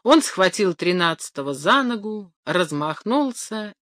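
A woman narrating a fairy tale in an expressive storytelling manner. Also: medium pitch, unhurried, no room sound, clean studio sound. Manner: animated storyteller.

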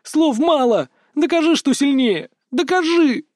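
A man voicing a stubborn young woman, a bull's daughter, who shouts defiantly through tears. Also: very high-pitched, expressive, measured pace, no echo, clean studio sound, pitched above the performer's own voice. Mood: desperate, shouting. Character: fierce stubborn young bull-girl fiancée.

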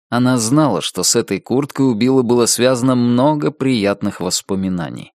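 A man narrates a novel in a steady mid-range voice, reading with measured, expressive pacing and drawing out the words that matter. The sound is dry and close, with no room around it. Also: mid-range voice, dry recording. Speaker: audiobook narrator. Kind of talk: scripted audiobook narration.

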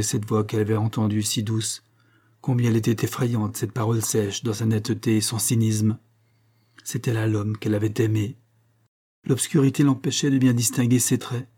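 A man reading a classic novel aloud in an audiobook, in measured, even storytelling. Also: fairly low pitch. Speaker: audiobook reader. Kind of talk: scripted novel narration.

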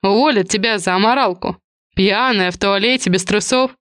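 A woman's voice: mid-range voice, moderate pace, a bit bright, smooth, dry recording, clean studio sound, close to an everyday voice. A woman voicing a blunt, teasing male coworker in an audiobook.

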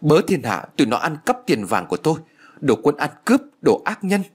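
A man's voice: medium pitch, very animated, fast talker, slightly rough. A man playing a greedy, cunning older woman who screeches accusations in a storybook reading. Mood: furious shrieking. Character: greedy shrewish older woman, shrill, furious.

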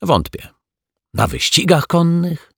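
A man's voice: on the high side, very animated, takes it slowly, creaky, slightly rough, dry recording, voice pushed up, heavily acted. A man doing a wry, patient detective. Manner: dry, patient, lightly amused. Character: calm wry male detective.

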